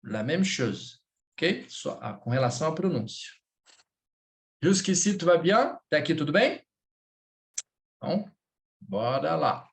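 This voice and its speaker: A man's voice: a little high, sing-song, a little slow, creaky, long pauses. A Brazilian man teaching French in a live lesson, speaking Portuguese with a Brazilian accent, patiently repeating words and checking in with his students.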